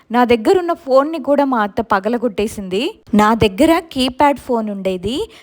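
Woman telling a real ghost story in first person, earnest, kinda high voice. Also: darkish tone.

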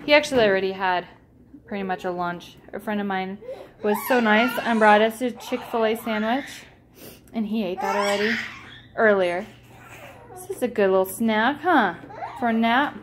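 A woman's voice: medium pitch, normal speed. A woman in her thirties, a mother chatting casually to the camera and her children in her home. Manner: cooing, playful baby talk with her children. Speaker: vlogger and mother of three. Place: family home. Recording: home video with background noise.

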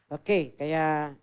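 Speaking in a low, smooth voice, an assistant pastor preaches through stories told in a conversational style. English phrases pepper her talk, and her volume rises and falls frequently.

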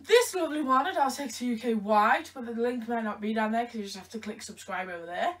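A woman's voice: a little high, quick pace. A woman vlogging in a playful, teasing, chatty way, cooing sing-song sounds between remarks. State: short of breath near the end. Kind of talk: casual chatty vlog.

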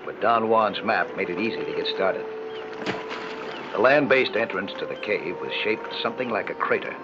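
An actor voicing an adult male diver who narrates his own story in a calm, measured, scripted voice-over. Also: on the low side, noisy background, natural voice. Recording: dull lo-fi 1960s TV soundtrack with loud music.

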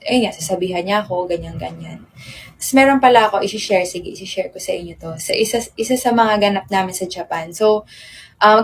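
A young woman with a Filipino accent chatting casually with fans on a live stream. She rambles through her stories, fills them with tag words and switches between Tagalog and English. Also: mid-range voice. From Philippines.

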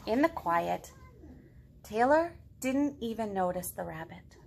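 A woman in her thirties, a children's librarian, hosts storytime from her living room, reading aloud and speaking expressively right to young children. Her mid-range voice has a darkish tone and vocal fry, swings widely in pitch, and moves a little slowly over a slight hiss or hum.

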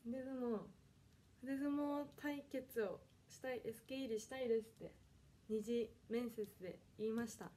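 A woman's voice: a little high, normal speed, warm tone, slight background noise. A woman of twenty from Kanagawa chatting politely on a solo livestream from home, reading viewer comments aloud and apologizing often. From Kanagawa, Japan. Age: 20s. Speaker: idol audition livestreamer. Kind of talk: casual solo livestream chat. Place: her home, indoors.

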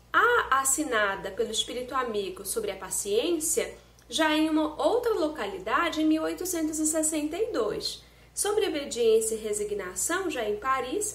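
A young woman giving an online spiritist lecture, explaining earnestly and addressing viewers directly, filmed close on a phone indoors. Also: a little high. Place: indoor room at home. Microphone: phone camera close up. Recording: roomy echo.

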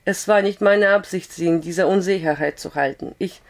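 A kind, shy young rancher who talks gently and stumbles over his own words, read by a woman. The voice is hoarse and sits on the low side. He hesitates and trips over his phrases as he speaks. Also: fairly quick, lightly acted. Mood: flustered. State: hoarse with a cough.

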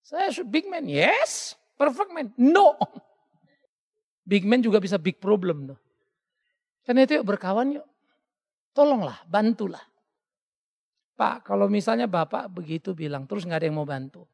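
A male pastor preaching a sermon in an animated way, often acting out the voices of the people he quotes. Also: high-pitched, moderate pace, vocal fry, pauses often, long reverb tail. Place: church hall.

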